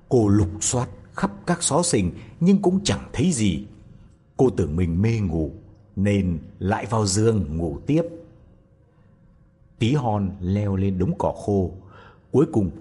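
A man reading a fairy tale aloud in an expressive, animated way. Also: fairly low pitch, husky. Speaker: storyteller.

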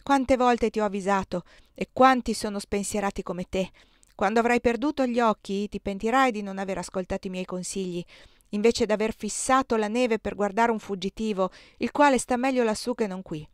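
A woman's voice: medium pitch, normal speed, smooth, no echo, natural voice. A scolding old serving woman who lectures with a wagging-finger tone, voiced by a woman reading aloud. The voice sits in a mid range and the sound is dry and close.

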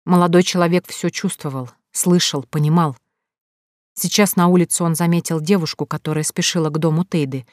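A woman narrating a fantasy audiobook in a calm, even storytelling manner. Her voice sits fairly low, recorded dry and close with no room echo. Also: fairly quick. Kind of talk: scripted narration.

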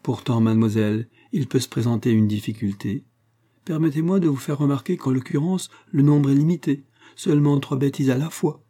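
A man's voice: medium pitch, fairly quick, mellow, voice pushed up, lightly acted. A man voicing a witty, self-assured young heiress in an audiobook reading, teasing and ironic.

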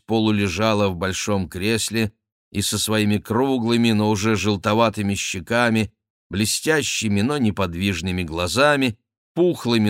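A man reading a historical novel aloud in expressive audiobook narration, measured and close to the mic. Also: on the low side, no echo. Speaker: audiobook reader.

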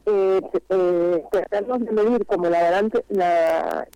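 A woman speaking over a phone line on speakerphone, calling in to a radio interview as a vendors' spokesperson. She explains at length, earnestly, with frequent pauses. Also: mid-range voice, warm tone, no echo.

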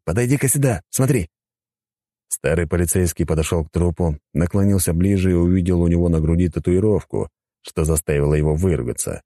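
A man narrating a scripted story in a lively, animated way, with a husky voice. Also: low-pitched, fast talker, dry recording.

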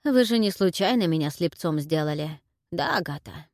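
A weary old historian, voiced by a woman narrator speaks quietly, slowly and with resignation. His voice sits a little lower and softer than the narration. The storybook recording is dry. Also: expressive, no echo. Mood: resigned.

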